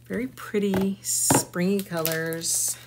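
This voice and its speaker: Woman chatting slowly thru a live craft demo, kinda gravelly, folksy, noisy background. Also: mid-range voice, fairly even intonation. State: hiccuping. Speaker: craft demonstrator. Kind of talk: live craft tutorial chat.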